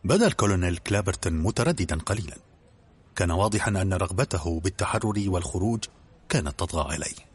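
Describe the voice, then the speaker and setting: A man reads an audiobook in a very deep, husky voice. He narrates fast and briskly, steady and even.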